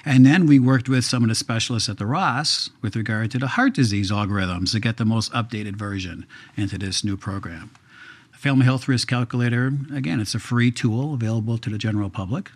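A man working as a genetic counselor, explaining a process step by step in a measured way during an interview, with some fillers. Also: mid-range voice.

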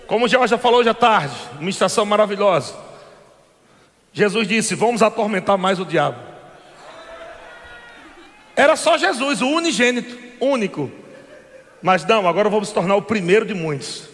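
A man preaching a sermon to a congregation, shouting and laughing fervently in a repetitive cadence. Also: sits high, lively intonation, fairly quick, long reverb tail.

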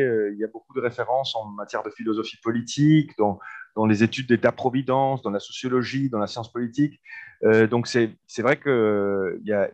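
A man's voice: mid-range voice, a little mellow. A man from Argentina gives a seminar commentary on a book, with a mid-range voice. He talks hesitantly, full of restarts and fillers. The sound is a bit dull and lo-fi. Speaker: discussant.

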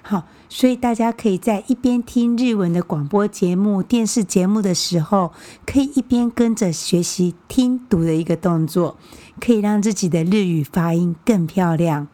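Mellow-voiced woman hosting a language podcast. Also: medium pitch, normal speed. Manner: friendly and patient, often repeating words for learners. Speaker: podcast host teaching Japanese. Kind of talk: casual explanatory podcast talk.

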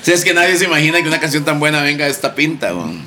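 High-pitched Costa Rican man, teasing banter. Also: sing-song, rapid-fire, background noise. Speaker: podcast co-host. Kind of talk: casual banter.

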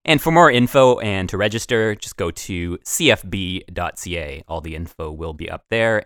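A man's voice: low voice, fairly bright tone, no echo, clean studio sound. A man co-hosting a community radio talk show, upbeat and a little rambling. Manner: upbeat, rambling, restarts phrases.

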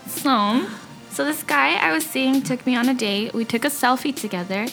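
A woman with a soft voice, a podcast guest chatting casually and telling stories with lots of giggles. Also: high-pitched, normal speed, creaky, faint music behind, rough recording. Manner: giggly, animated storyteller. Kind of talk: casual chat.

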